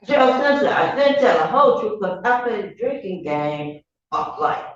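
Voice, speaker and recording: Echoey, animated older woman, tipsy. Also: medium pitch, moderate pace, slight background noise. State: drunk. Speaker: tenant appearing in court. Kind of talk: rambling pleading, casual and joking. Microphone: far from the microphone. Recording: very echoey, distant, dull room audio.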